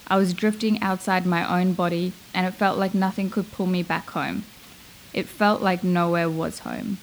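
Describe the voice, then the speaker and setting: A young woman from Malaysia narrating a reflective spoken-word essay, slow and measured, lingering on her phrases. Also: fairly low pitch, steady tone, a little hiss or hum, poor audio.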